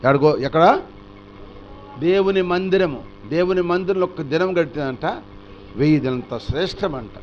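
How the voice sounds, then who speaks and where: A male pastor preaching a storytelling sermon, animated and asking the congregation rhetorical questions. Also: fairly high pitch, highs cut off, slight background noise.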